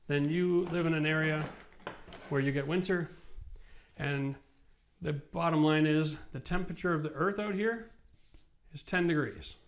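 A man from Canada in his forties explains home renovation at a studio whiteboard, talking through a lapel mic. His voice sits a little high for a man, and he talks in an emphatic, animated way that builds into passionate rants. He sounds tired. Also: a little hiss or hum. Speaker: renovation expert host. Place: studio set with whiteboard, indoors.

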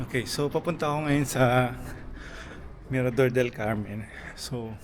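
A male travel vlogger chatting as he walks outdoors, switching easily between languages and often sounding amazed at the views. His voice sits at an ordinary pitch, recorded on a handheld device with clear street and traffic noise behind him. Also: unhurried. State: out of breath walking uphill. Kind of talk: casual travel vlog narration. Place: outdoors in a hillside town.

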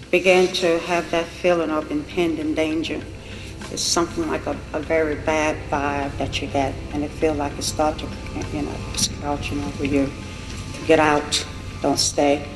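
Woman, low voice, flat delivery, solemn warning, roomy sound, music underneath. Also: measured pace. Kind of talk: on-camera warning to the group.

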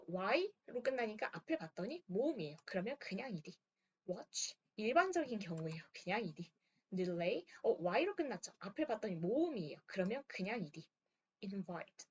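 A woman with a mid-range, slightly breathy voice and big pitch swings teaches English grammar at a normal speed. She walks her students through exercises step by step, checking in with them, and the recording has a dull lo-fi sound.

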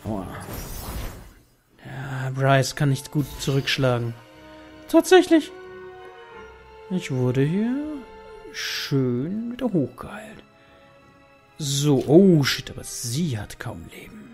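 A man's voice: mid-range voice, sing-song, takes it slowly, pauses often, darkish tone. A man giving casual let's play commentary, thinking aloud and muttering to himself as he plays. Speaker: gaming video host. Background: game music.

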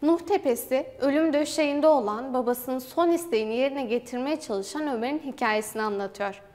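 A young woman presenting film news for university television, reading a script in a formal, even way. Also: sits high, a little fast. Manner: even, formal read-aloud delivery. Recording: hall reverb.

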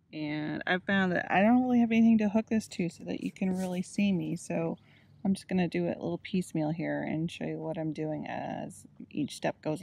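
A woman's voice: on the low side, vocal fry, a little mellow. A middle-aged woman chatting casually as she paints watercolors from a kayak on a lake. She thinks aloud and pokes fun at herself, sounding hot and a little out of breath, and she records into a phone held in her hand. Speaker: watercolor artist. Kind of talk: casual chat while painting. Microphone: phone camera held in hand.

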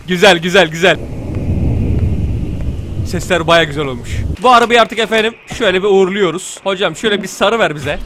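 A young man giving casual, jokey gameplay commentary, excitable and quick to shout. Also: high-pitched, a little hiss or hum. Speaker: gaming YouTuber.

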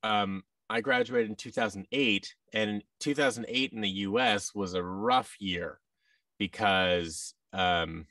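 Forceful and bright, a lowish male voice speaks at a slow pace, with no echo, from a distant mic. The speaker, an American actor and audio drama producer in his thirties, is a casual interview guest who rambles and puts himself down. He's calling by video from a large indoor office, using a boom-arm microphone and headset.

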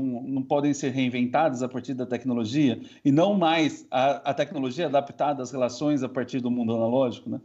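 A man's voice: fairly high pitch, a little mellow. A Brazilian man in his thirties with a Brazilian Portuguese accent, a guest expert musing thoughtfully with many hedges, over a video call from home. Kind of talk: reflective interview answers. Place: home room. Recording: muffled video-call audio.

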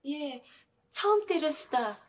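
An actress playing a meek, put-upon young wife in a TV drama, giving short, subdued replies. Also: female voice, high-pitched, lively intonation, slow pace. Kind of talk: television drama acting.

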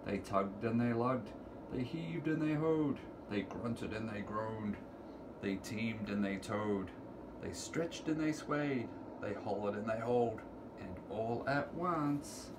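A fairly low-pitched middle-aged man reads a picture book to preschoolers with deliberate, sing-song phrasing. It was recorded in a room at home, and the audio is clearly noisy with audible room ambience.

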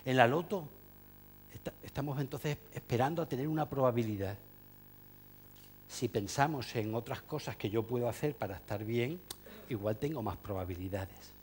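A man's voice: medium pitch, normal speed, darkish tone, a little hiss or hum. A man giving an ironic, joking talk to teachers, full of asides and fillers. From Spain. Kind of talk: humorous lecture to an audience.

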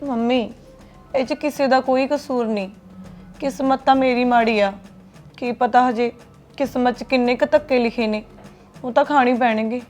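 A woman playing a young deserted wife who speaks gently and with sorrow. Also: on the high side, fairly even intonation, normal speed, long pauses, faint music behind, natural voice. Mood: sorrowful. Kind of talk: family drama acting.

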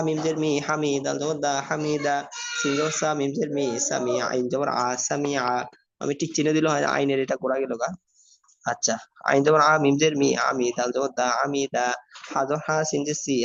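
Bangladeshi bengali guy teaching reading, spelling out syllables slow, kinda muffled lo-fi sound. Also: mid-range voice, flat delivery, vocal fry. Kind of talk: online reading lesson. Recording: dull lo-fi sound.

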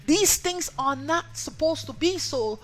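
A woman preacher delivering a sermon in an emphatic, repetitive cadence, her loudness rising and falling between lines. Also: high voice, lively intonation, unhurried, soft background music.

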